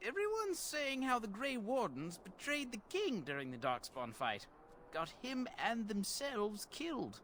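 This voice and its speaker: An actor playing a sly bandit leader who extorts travelers with a fake toll, sarcastic and scheming. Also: male voice, extremely high pitch, sing-song, unhurried, a bit bright, slight background noise, full character voice. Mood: groveling. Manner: sly, sarcastic, then groveling.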